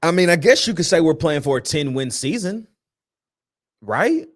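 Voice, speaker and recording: Sleepy and yawning, this man runs a sports fan show and talks loosely about the next game, full of slang, repeated words and false starts. His voice sits on the high side, animated, at a moderate pace.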